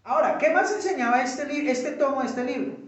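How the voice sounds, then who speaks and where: A man teaching a small group in a relaxed way, explaining step by step and checking in with his listeners. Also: extremely high pitch, brisk, a crowd in the background. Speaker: Bible study teacher. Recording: echoey room, mic far off.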